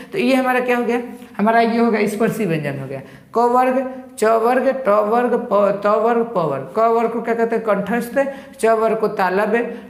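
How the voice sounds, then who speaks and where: A male teacher giving a grammar lesson, asking his own questions and answering them with repeated terms. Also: sits high. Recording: roomy echo.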